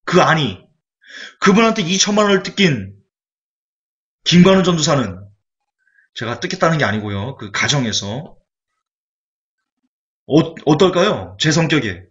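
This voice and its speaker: A male evangelist preaches with a fairly high voice that leaps up and down. He keeps throwing rhetorical questions at the congregation. The recording sounds muffled and lo-fi. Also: sing-song, normal speed, long pauses, fairly bright tone. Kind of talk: sermon. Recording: dull lo-fi recording.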